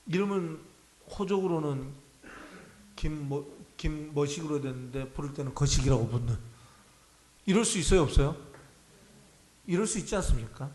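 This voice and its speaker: Male pastor with a high voice, conversational sermon delivery, recorded in a reverberant church. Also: darkish tone. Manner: conversational preaching, asks the congregation questions. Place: church sanctuary. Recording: echoey church hall.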